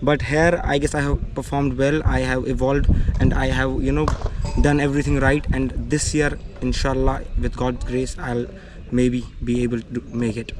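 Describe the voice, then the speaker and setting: A man's voice: mid-range voice, little pitch movement, moderate pace. A young man with a Kashmiri accent answers interview questions politely, often adding "you know". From Srinagar, Kashmir. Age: young adult. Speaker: junior cricketer being interviewed. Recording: clear background ambient noise.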